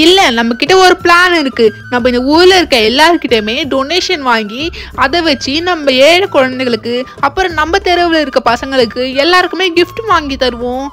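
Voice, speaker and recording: A woman voicing a kind young father in a doll show, gentle and reassuring. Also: sits high, brisk.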